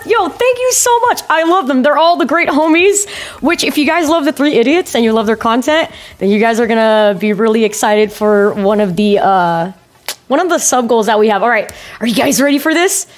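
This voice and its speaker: A young woman hosts a casual livestream from a small bedroom setup, chatting to viewers in a playful, excitable gamer-girl style full of swearing and slang. Her voice sits high and moves briskly, picked up by a close boom-arm mic while she wears a headset.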